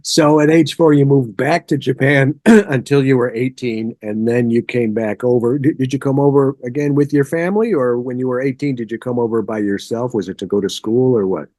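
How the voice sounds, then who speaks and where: A man hosting a bass-playing interview show, reading an upbeat intro and then asking casual questions. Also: steady tone, brisk, hardly any pauses, warm tone, dry recording. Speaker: interview host. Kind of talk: podcast interview.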